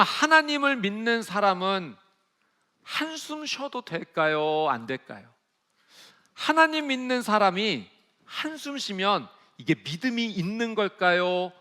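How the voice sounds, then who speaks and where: A man's voice: high voice, sharp tone. A man preaching a Sunday sermon as pastor, asking the congregation rhetorical questions and pressing his points with emphasis.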